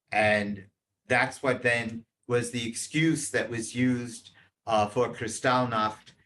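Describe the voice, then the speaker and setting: Older male guest speaker, mid-pitched, chatty storyteller with asides. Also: a bit bright, a little hiss or hum. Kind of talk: personal history talk.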